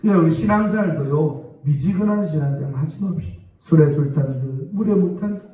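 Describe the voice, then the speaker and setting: Casting: high-voiced pastor, mellow tone, echoey church hall, distant mic. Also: male voice, fairly quick. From South Korea. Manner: emphatic, repeatedly asking the congregation for amens. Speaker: senior pastor. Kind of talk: sermon. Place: church sanctuary.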